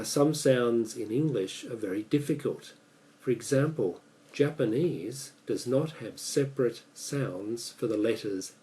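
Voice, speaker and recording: A man with an Australian accent giving a prepared speech about speaking clearly, in a measured, deliberate way. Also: medium pitch, mellow, distant mic, poor audio.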